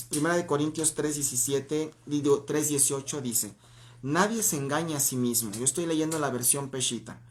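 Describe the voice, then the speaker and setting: A man teaching a Bible class on a livestream in a conversational way. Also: medium pitch. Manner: conversational, greets viewers by name mid-lesson. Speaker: church teacher. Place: church room, livestream.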